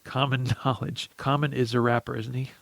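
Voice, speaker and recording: Gravelly man recapping a movie. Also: medium pitch, level tone, moderate pace, a bit bright, no room sound. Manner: rambling, laughs often, restarts. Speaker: podcast co-host. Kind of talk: casual movie recap chat.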